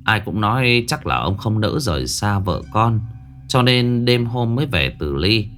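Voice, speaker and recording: Low-voiced guy narrating a spooky ghost story, super animated, drops to a hush a lot. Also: a little slow, soft background music. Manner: dramatic, lively storytelling with sudden hushed drops.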